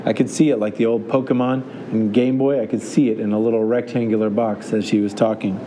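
A man's voice: on the low side, little pitch movement, brisk, noisy background. A man hosting a comedic TV review, talking in a wry way with sarcastic asides. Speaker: host reviewing a TV series.

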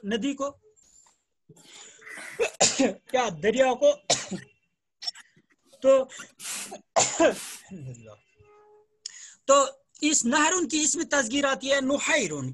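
Male teacher from Jammu and Kashmir, India, on a video call. Slow, patient drilling, very high bright voice, quick to praise. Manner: patient drilling, repeats words, praises students often. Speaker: Arabic teacher. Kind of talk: online grammar lesson with students.

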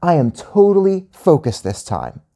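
A man voicing a patient, distracted woman teacher who speaks gently and soothingly. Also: fairly high pitch, wildly swooping pitch, a little slow, vocal fry, voice pushed up, full character voice.

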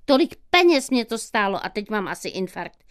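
A woman voicing a hysterical, panicky small man in glasses, yelling frantically in a read-aloud story. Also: medium pitch, sing-song, lightly acted.

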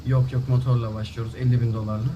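A man's voice: medium pitch, flat delivery, fast talker, muffled recording, background noise. A man working as an auctioneer, calling bids and repeating amounts in a game voice chat. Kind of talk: live auctioneer calling bids in an online role-play game.

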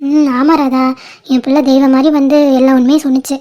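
A woman's voice: high-pitched, level tone, fast talker, mellow. A woman voicing the sisters and mothers of a home-made family drama cartoon, emotional and pleading. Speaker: cartoon creator voicing all female roles.

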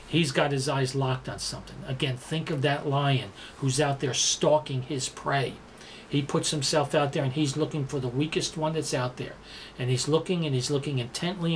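A man's voice: mid-range voice, slight background noise. A man preaching a sermon, explaining words and repeating the verse for emphasis. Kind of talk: sermon teaching.

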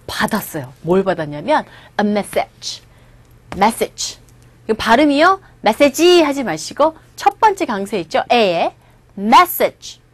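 A woman teaching English through movie lines. She explains each phrase, repeats it slowly and acts out the lines. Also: medium pitch, fairly bright tone, no room sound.

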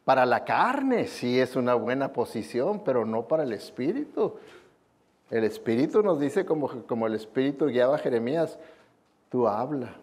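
A man's voice: mid-range voice, big pitch swings, normal speed, a little mellow, husky. A man preaching a sermon as pastor, emphatic, who keeps asking the congregation questions and adding a questioning "mm?". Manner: often adds a questioning "¿mm?".

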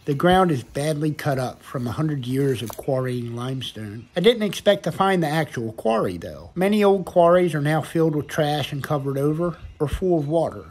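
A man's voice: a little high, animated, normal speed, hardly any pauses, a little mellow. A man, narrating his exploration of old ruins in an earnest, reflective way. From northern Delaware. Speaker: restoration vlogger. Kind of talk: documentary narration.

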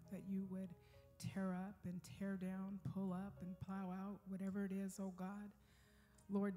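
A woman's voice: mid-range voice, warm tone. An older woman preaching a sermon in church, praying and reading scripture with frequent amens and hallelujahs. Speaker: guest preacher. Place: church sanctuary.

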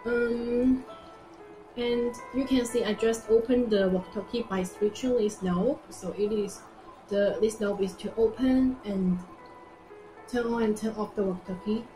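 A young woman whose voice sits on the high side, with a steady tone, presents products in an informal live demo in an indoor showroom. She speaks simple, halting non-native English and repeats phrases. Music plays behind her and the room has a roomy echo.

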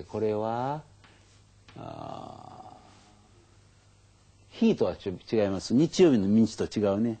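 A man's voice: on the low side, mellow, husky. An older man, patiently explaining how to write kanji to schoolchildren, with many fillers. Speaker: elementary school teacher. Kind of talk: kanji lesson for children.

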